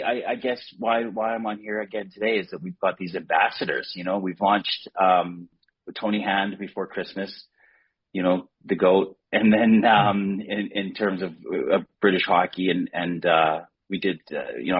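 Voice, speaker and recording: A man's voice: low voice, husky, highs cut off. A man guest on a podcast, telling long rambling stories in casual chat with many restarts.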